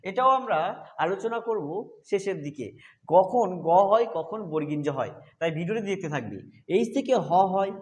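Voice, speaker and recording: A man's voice: sits high, very animated, normal speed. A man teaching English pronunciation rules step by step, patiently repeating each point. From Bengal. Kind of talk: explaining a phonics lesson.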